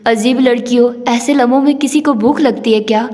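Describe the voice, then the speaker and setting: A woman's voice: a little high, moderate pace, dark tone, close to an everyday voice. Playful young husband from an audiobook romance, teasing and mocking, voiced by a woman narrator; echoing hall sound. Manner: teasing, bantering. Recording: long hall reverb.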